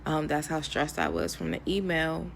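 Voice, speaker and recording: A young woman speaks straight to her viewers in a loose, rambling vlog, stressed and near tears. Her voice sits low with a gravelly edge. A faint background hiss runs under it. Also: sing-song, normal speed. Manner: candid, talks to viewers as "y'all", rambling with fillers. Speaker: vlogger. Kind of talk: emotional personal vlog.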